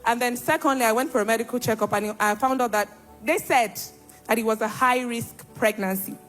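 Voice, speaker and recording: Young woman, fairly high voice, church testimony, emphatic storytelling, soft music underneath. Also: brisk. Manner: emphatic storytelling, acting out dialogue.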